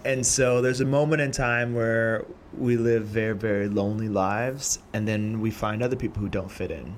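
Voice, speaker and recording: Slow and thoughtful, with frequent pauses, a young singer from Portland, USA, shares a personal story in an earnest, reflective tone. He has a lowish voice and fairly even intonation, and a light hiss of noise runs beneath the recording.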